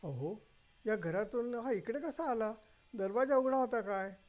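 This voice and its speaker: A man's voice: very high voice, animated, a little slow, darkish tone, pitched above the performer's own voice. A man voicing an anxious young mother who speaks in a raised, urgent voice. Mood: alarmed.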